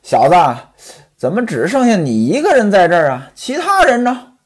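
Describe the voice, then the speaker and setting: A storyteller lending a slightly husky voice to a domineering, scheming young mistress in a spoken tale. She barks orders and scolds her servants with a tone that swoops up and down. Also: medium pitch, wildly swooping pitch, moderate pace. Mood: bossy. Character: scheming sharp-tongued young mistress, a woman.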